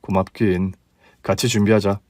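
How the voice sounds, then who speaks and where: A man voicing a calm, firm young husband in a dramatized story, pitched lower than his own voice. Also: moderate pace, no room sound, clean studio sound, lightly acted.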